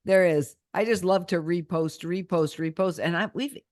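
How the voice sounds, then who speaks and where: A woman's voice: fairly low pitch, normal speed, darkish tone, no echo. Chatty woman with a dry close mic. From Boston area, USA. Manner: chatty, laughs often, restarts mid-sentence. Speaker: podcast co-host. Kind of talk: casual chat.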